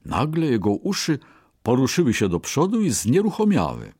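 A man slowly reading a children's animal story aloud with lots of expression. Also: mid-range voice, wildly swooping pitch, a little mellow, slightly rough, no room sound, studio quality.

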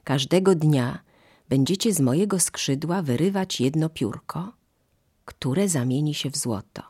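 A woman voicing a gentle male goose who speaks as the children's father, calm and instructive. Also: low voice, unhurried, slightly rough. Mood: tender.

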